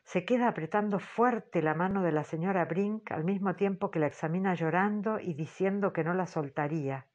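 A woman reading an audiobook in a measured, low-key way, on a dull, muffled recording. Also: a little mellow. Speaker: audiobook narrator. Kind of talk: scripted literary narration.

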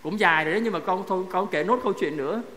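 High-voiced priest preaching in a church. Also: male voice, racing, pushed and bright. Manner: conversational, asks the congregation questions. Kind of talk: sermon. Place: parish church. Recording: echoey church hall, faint noise.

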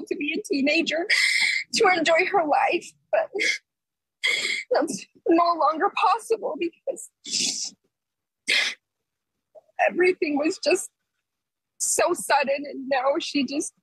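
Very high-voiced grieving woman, slow. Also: no room sound, low-quality recording. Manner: halting, grieving. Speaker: victim's sister. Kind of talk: interview.

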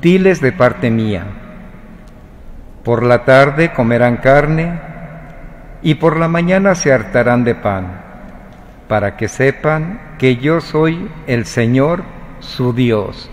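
A man proclaiming a scripture reading at Mass in a slow, measured way, recorded in a cathedral. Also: medium pitch, animated, slight background noise. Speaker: lector. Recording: reverberant cathedral broadcast.

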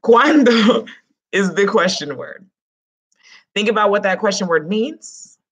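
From a small room at home, a lively woman in her thirties teaches an online Spanish class on a close-up webcam. Her mid-range voice is slow and a bit rough, her Spanish words have a Dominican accent, and she drifts into playful, chatty asides to her students.

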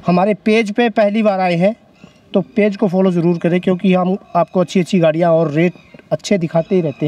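A man in his thirties with a high voice, talking into a handheld mic out in the open air. He hypes up each deal like a salesman, repeating the key prices for emphasis as he hosts the show. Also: dark tone. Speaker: host of a used-car video. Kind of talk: energetic promotional interview. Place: outdoor used-car lot.

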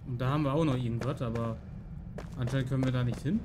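A man's voice: medium pitch, fairly even intonation, fast talker, noisy background. A man doing casual live game commentary, thinking aloud in short remarks. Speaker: let's play streamer.

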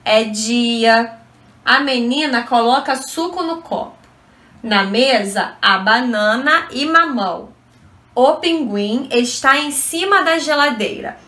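Brazilian lady teaching little kids, kinda high voice, really slow and clear, sweet with them. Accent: Brazilian Portuguese. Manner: reads words slowly and clearly, warmly affectionate with children. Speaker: first-grade teacher. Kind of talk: slow, clear classroom lesson. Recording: echoey room.

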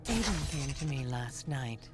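An actress playing a grave, foreboding witch reading out her journal in a video game, solemn and measured. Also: a bass voice, big pitch swings, exaggerated voice. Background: loud game music.

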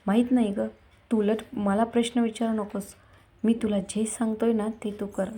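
A woman voicing a worried, loving middle-aged husband who speaks gently and pleads. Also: fairly high pitch, level tone, moderate pace, lightly acted. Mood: coaxing.

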